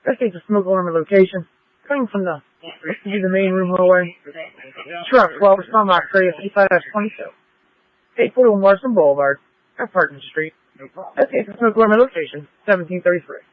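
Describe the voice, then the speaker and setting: A man's voice: high voice, brisk, phone-quality sound. A man reading out emergency dispatches over a two-way radio. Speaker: fire dispatcher.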